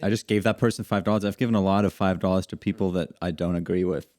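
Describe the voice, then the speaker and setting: A young man co-hosting a podcast, speaking in a wry, low-key, joking manner. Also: steady tone, quick pace, darkish tone, dry recording, clean studio sound. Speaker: podcast co-host. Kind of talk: casual podcast chat.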